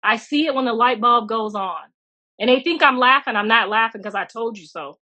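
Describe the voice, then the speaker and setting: A woman's voice: on the high side, brisk, bright, forceful tone. A middle-aged mother talking bluntly and chattily to viewers on her livestream, outdoors, calling them girl and honey. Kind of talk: casual livestream rant. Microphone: phone livestream.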